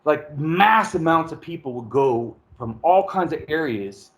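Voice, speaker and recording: A man with a somewhat high voice talks loosely in a casual chat. He rambles through long explanations, restarts his sentences and drops profanity without a second thought. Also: expressive, unhurried, a bit bright. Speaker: podcast host. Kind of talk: casual conversation.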